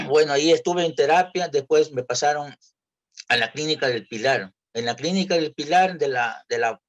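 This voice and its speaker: A man from Peru, giving an earnest personal testimony in church, halting and full of restarts. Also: on the high side. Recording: dull lo-fi church recording.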